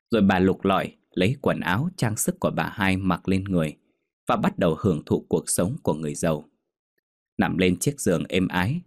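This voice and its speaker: Low-voiced storyteller. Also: male voice, no room sound, clean studio sound. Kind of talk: ghost story narration.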